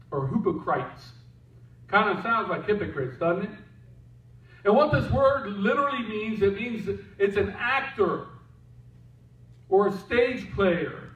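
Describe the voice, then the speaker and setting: A man's voice: high voice, distant mic. A man preaching a sermon in a church in a casual, joking way, with asides to the person running the slides. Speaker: pastor. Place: church sanctuary. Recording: echoey church heard from afar, dull.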